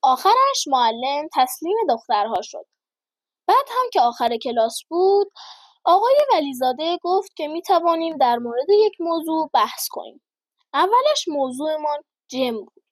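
A woman reading a humorous first-person story aloud, lively and slowing down for the punchlines. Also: high voice, dry recording.

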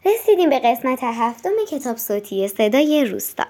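A woman narrating a children's audiobook in a gentle, even storytelling manner. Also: on the high side.

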